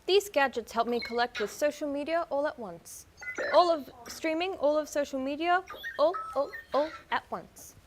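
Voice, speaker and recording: A woman's voice: sits high, normal speed, noisy background, close to an everyday voice. A woman playing a young man turned hive-mind drone in a satirical drama, chanting repetitively in a detached way. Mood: entranced. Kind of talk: scripted satirical interview drama.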